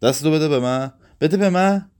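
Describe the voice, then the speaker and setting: A man's voice: on the high side, a little mellow, clear, resonant tone, pitched above the performer's own voice, natural voice. A man voicing a frightened young girl in a read-aloud story, asking small, pleading questions. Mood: urging. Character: young girl freed from a soda bottle, frightened.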